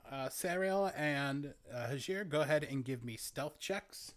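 A man narrating a tabletop game as game master, describing scenes in a halting, searching way. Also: on the high side, animated, a little hiss or hum.

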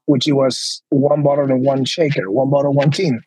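A man's voice: medium pitch, little pitch movement, moderate pace, mellow, husky, dry recording, poor audio. A man with an Argentine accent, a guest telling his story in a casual interview, earnest and rambling. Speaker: guest, flair bartender.

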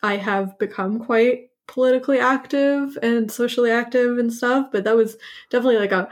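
A Hungarian-born actor in her thirties who grew up partly in New York and Montreal chats briskly as a casual interview guest. Her voice is fairly high with fairly even intonation, and she laughs frequently, filling her speech with fillers.

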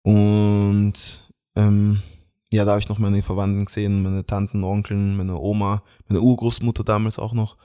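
A young man, telling a family story as an interview guest, halting with fillers and often laughing. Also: lowish voice, completely flat delivery, mellow, clean tone.

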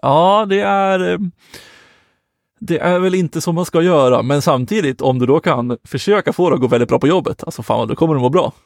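Gravelly-voiced man chatting casually. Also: a little high, no echo, studio quality. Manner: easygoing, laughs often. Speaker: podcast co-host. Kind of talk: casual chat.

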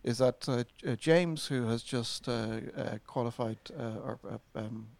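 Creaky-voiced man, halting casual chat. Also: mid-range voice, a little mellow, no echo. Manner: hesitant, halting, repeats words. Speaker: show host.

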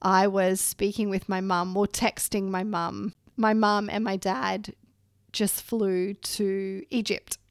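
A woman's voice: medium pitch, little pitch movement, takes it slowly, clear, resonant tone, dry recording, studio quality. A woman hosting a podcast, nasal from a head cold, chatting upbeat and laughing often. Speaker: podcast host and strength coach. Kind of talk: casual solo podcast intro.

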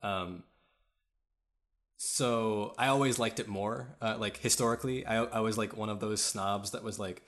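A man's voice: lowish voice, fairly even intonation, measured pace, fairly bright tone. A man co-hosting a casual podcast chat, rambling with lots of fillers and frequent laughs, recorded on a podcast mic. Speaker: podcast co-host.

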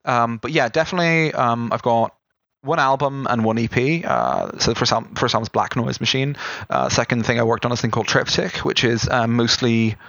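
Podcast guest, musician: casual, self-mocking, jokey rambler with heavy vocal fry, close dry sound. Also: medium pitch, a little fast, fairly bright tone, no echo, highs cut off. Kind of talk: casual chat.

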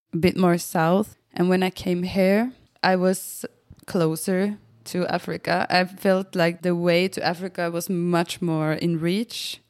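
A woman with a low, darkish voice speaks slowly over music, recorded with studio quality and no room sound. She is a musician narrating her own story reflectively, hesitant and thoughtful, pausing between short phrases.

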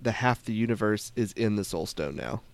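A man's voice: on the low side, expressive, moderate pace, gravelly, no room sound. A man musing about movie theories in a casual chat, thoughtful and hedging.

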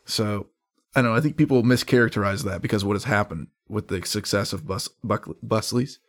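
A man's voice: on the low side, a little fast. A man in casual conversation about music, laying out his opinions at length.

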